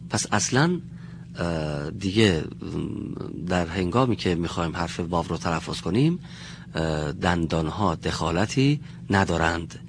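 A man's voice: deep voice, slight background noise. A man teaching pronunciation in a classroom, patiently drilling single sounds and correcting students.

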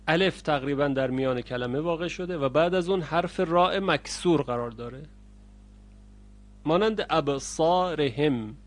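A male recitation teacher with a somewhat high voice gives a lesson in plain explanatory speech. He speaks directly to his learners. He often breaks into slow, loud, chanted readings of the words he is teaching. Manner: explains rules, then chants the example words slowly and loudly. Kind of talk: recorded lesson on Quranic readings.

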